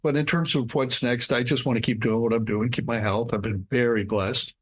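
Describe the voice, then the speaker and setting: A man's voice: brisk, breathy edge, poor audio. An older man, a guest speaker and author, telling stories in an interview and acting out quoted lines with big jumps in his voice. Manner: animated storyteller, acts out quotes with big pitch jumps. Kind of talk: storytelling interview chat.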